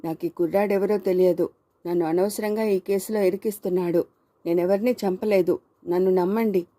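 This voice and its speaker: A woman's voice: medium pitch, fairly even intonation, moderate pace, dark tone, natural voice. A woman voicing a shocked man who protests his innocence in court, indignant.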